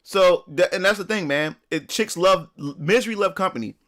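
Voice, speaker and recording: High-voiced man ranting on a stream. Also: normal speed, a bit bright. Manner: ranting, emphatic, swears a lot; repeats words and restarts as he builds up. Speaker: live streamer. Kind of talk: casual live-stream chat.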